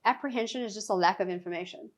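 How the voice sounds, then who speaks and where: A woman's voice: medium pitch, rapid-fire. A woman, a regional sales director, chatting as a guest in an interview, emphatic and enthusiastic. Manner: emphatic, enthusiastic, laughs easily. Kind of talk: casual interview chat.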